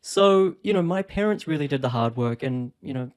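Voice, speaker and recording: A man's voice: a little high, animated, moderate pace, a little mellow, clear, resonant tone. A man in his thirties with a New Zealand and Australian accent, talking casually and upbeat to camera about investing, with small laughs and many ums. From born in India, raised in New Zealand and Australia. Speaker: property investment YouTuber. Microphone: phone.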